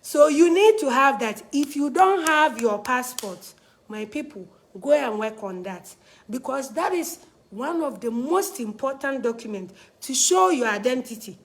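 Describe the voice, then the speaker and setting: Ghanaian lady doing a live advice stream, kinda high voice, emphatic, instructive, repeats stuff and checks in a lot. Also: expressive, a little slow, poor audio. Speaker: host of a livestream advising visa lottery applicants. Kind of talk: live explainer to viewers.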